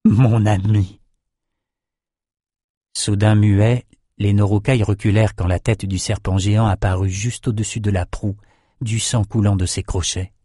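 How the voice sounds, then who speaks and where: A man narrating a fantasy novel in a measured, steady reading voice. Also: lowish voice, husky, dry recording, studio quality. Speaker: audiobook narrator.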